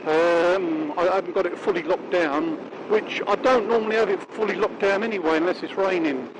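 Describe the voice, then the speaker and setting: A man's voice: high voice, moderate pace. A middle-aged Irish man chatting casually and rambling to viewers from inside his motorcycle helmet as he rides. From County Mayo, Ireland. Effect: muffled inside a motorcycle helmet. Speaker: motorcycle vlogger. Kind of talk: casual riding commentary to viewers. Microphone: dictaphone worn while riding. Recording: loud engine and wind noise.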